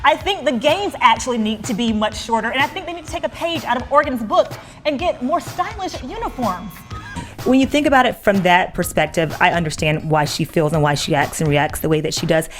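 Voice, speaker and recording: A woman with a high-pitched voice presents like a TV host. She is chatty and opinionated, with music playing behind her. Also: a little fast. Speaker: TV host and red carpet reporter. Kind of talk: red carpet interviewing and upbeat panel commentary.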